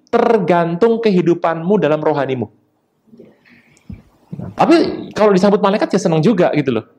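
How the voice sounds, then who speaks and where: A male pastor preaches a sermon in a lively manner. He makes sudden high, emphatic rises in his voice and throws in quick asides.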